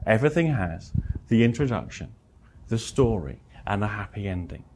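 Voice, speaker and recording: A man's voice: normal speed, a little hiss or hum. Blunt, wry man telling therapy anecdotes. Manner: blunt, wry storyteller who swears; animated, swinging pitch and loudness. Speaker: therapist giving a presentation. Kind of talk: lecture with anecdotes.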